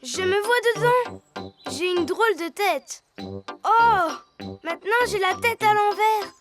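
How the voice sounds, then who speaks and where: A woman's voice: very high voice, expressive, slow pace, over loud music, heavily acted. A woman voicing a naive, puzzled young boy pony in a French children's cartoon.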